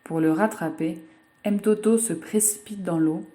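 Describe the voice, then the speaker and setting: A woman narrating a children's picture book aloud in an expressive, measured way, as the voice-over for a sign-language reading. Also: fairly low pitch. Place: voice-over for a video.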